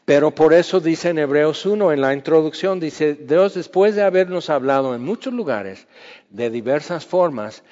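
A man preaching a sermon in a conversational way, acting out quoted voices and sometimes dropping to a hush. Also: on the high side, expressive, normal speed. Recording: dull sound with long hall reverb.

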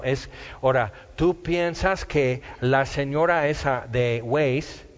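A man preaching a sermon in a conversational style, firing off rhetorical questions. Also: medium pitch. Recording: dull echoey hall.

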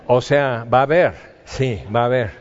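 Male preacher, mid-pitched, wry conversational humor, echoing hall on a muffled recording. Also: normal speed. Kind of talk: sermon. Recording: dull, reverberant hall sound.

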